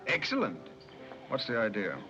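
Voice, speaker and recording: A man's voice: medium pitch, huge pitch swings, moderate pace, highs cut off. An actor playing a jovial, hearty rich man who jokes and stammers in a 1930s film. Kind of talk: 1930s screwball film acting. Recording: old 1930s film soundtrack, music behind.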